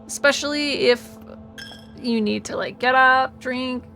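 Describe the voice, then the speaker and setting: A woman's voice: sits high, unhurried, bright, forceful tone, soft background music. A woman livestreaming a video game with casual commentary and a cute, bubbly anime-streamer delivery.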